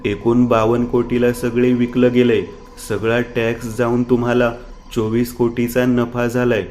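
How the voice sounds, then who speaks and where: A man's voice: mid-range voice, completely flat delivery, measured pace, a little mellow, slight background noise, close to an everyday voice. A man voicing a vengeful schemer who speaks coldly and matter-of-factly.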